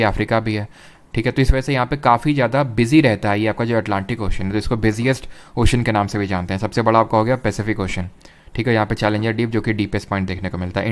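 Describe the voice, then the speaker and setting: A young man with a lowish voice gives an exam-prep geography lecture. He explains things step by step, mixes in English terms and keeps checking whether his students are following.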